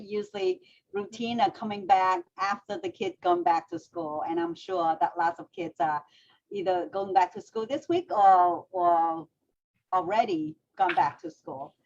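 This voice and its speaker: A woman's voice: mid-range voice, expressive, unhurried, darkish tone. Chatty woman co-host on lo-fi audio. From Vietnam. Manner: chatty, with many fillers. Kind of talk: casual talk show hosting.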